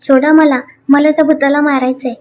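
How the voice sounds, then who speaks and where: A woman voicing a young wife who is pretending to be mad, shouting frantically, in a high voice. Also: little pitch movement, normal speed, lo-fi sound, slight background noise, natural voice. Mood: frantic shouting. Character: young wife feigning madness, wild and shrieking.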